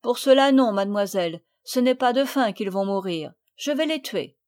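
A woman reading aloud voices a blunt, matter-of-fact male gamekeeper who speaks loudly. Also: fairly high pitch, animated, moderate pace, lightly acted.

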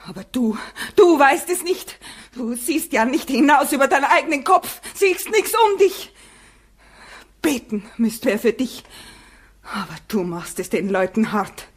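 A woman's voice: high-pitched, very animated, a little slow, exaggerated voice. An actress playing an earnest, outspoken young farm girl in a 1960 radio play. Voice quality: breathy, soft. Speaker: Regina.

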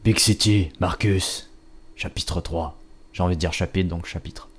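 A man's voice: low-pitched, fairly even intonation, unhurried, slightly rough. A man grumbling and fumbling words while setting up a voice recording. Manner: grumbling, fussing at his software. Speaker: amateur voice actor. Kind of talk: casual recording-session chatter.

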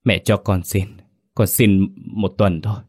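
Man doing a desperate father, deep voice, pleading, horror story. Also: fairly even intonation, measured pace, a little mellow.

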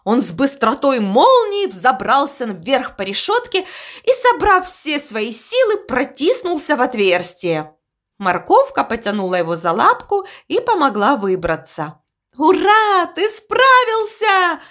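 Expressive woman reading a children's story. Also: on the high side, measured pace. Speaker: narrator.

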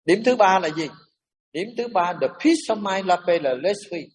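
A man preaching as a Buddhist monk, emphatic and animated, dropping in English and French terms. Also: high voice, moderate pace, far from the mic. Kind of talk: sermon to a congregation.

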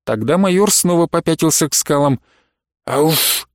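A man narrating an audiobook in a steady storytelling read. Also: on the high side, moderate pace, no echo, studio quality. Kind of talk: scripted narration.

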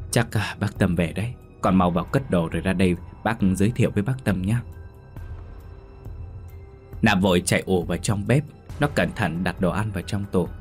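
A man narrating a scripted story with a dramatic, expressive reading. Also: low voice. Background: faint music.

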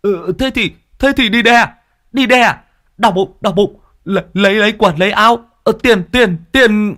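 A man's voice: sits high, moderate pace, pushed and bright, voice pushed up. Man playing a stammering, flustered old villager. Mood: panicked.

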